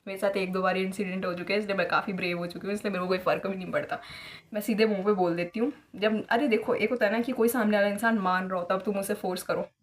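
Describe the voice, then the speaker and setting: A woman's voice: medium pitch, steady tone, fast talker. Young woman, from India, vlog host, casual chatty storytelling, fillers, English phrases mixed in. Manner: mixes English phrases into her talk. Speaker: vlogger.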